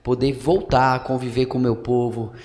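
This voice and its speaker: At normal speed and in a level, slightly mellow medium-pitched voice, a Pernambuco-born journalist in his thirties from Brazil talks politics informally on a podcast. His lengthy explanations are full of tag questions and fillers, and the council building room gives a long hall reverb.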